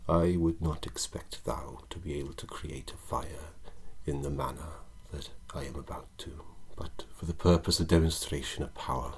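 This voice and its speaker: A very deep-voiced man with a Welsh accent plays a wretched, sinister Elizabethan alchemist in a hushed ASMR roleplay, grandly mystical, solemn and commanding. His phrasing is archaic, pompous and deliberate. Liquid sounds and clicks accompany him over a light, steady electrical hum.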